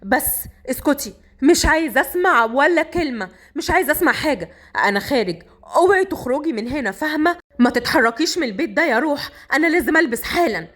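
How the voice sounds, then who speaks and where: Woman storyteller lowering her voice for a gruff young Egyptian man: commanding, quick to anger, storybook drama. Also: animated. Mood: angry. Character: tough young Upper Egyptian man, hot-tempered.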